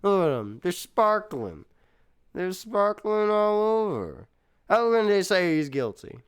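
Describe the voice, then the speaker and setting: A man's voice: high-pitched, very animated, takes it slowly, clear, resonant tone, pitched above the performer's own voice, full character voice. A man voicing a nervous young male rookie defense lawyer in a video game, reading in an earnest, flustered way. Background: game music.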